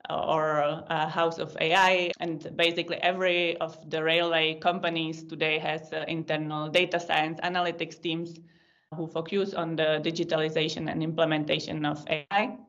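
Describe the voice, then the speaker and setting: Czech lady in her 30s, lowish voice, thinks out loud in lists, dull video call audio. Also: little pitch movement, moderate pace. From Czech Republic. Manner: thoughtful, explains in long lists with small restarts. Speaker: podcast guest, data science team lead. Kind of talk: casual interview answers.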